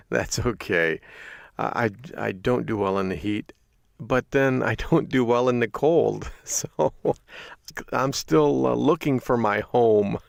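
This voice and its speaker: Gravelly, chuckling male podcast host. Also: on the low side, no room sound, studio quality. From Michigan. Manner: chuckling, rambling storyteller. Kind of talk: casual monologue.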